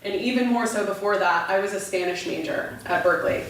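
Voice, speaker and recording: A woman in her thirties who runs a beverage business tells stories as a guest in a casual interview, speaking animatedly and fairly quickly at medium pitch with frequent restarts. The mic sits at a distance in an echoey room, and there's a little hiss or hum.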